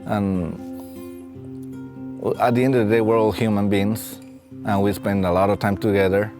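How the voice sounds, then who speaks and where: A Mexican man in his late thirties with a low voice and fairly even intonation speaks haltingly and reflectively, sharing personal stories for a training film. He is a facilities and safety technician and staff trainer. Soft plucked guitar music plays in the background.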